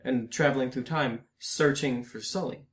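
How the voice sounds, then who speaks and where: A man co-hosting a casual podcast chat, animated and quick to swear. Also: medium pitch, a crowd in the background. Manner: animated, swears freely, acts out quoted reactions. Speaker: podcast co-host. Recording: roomy echo.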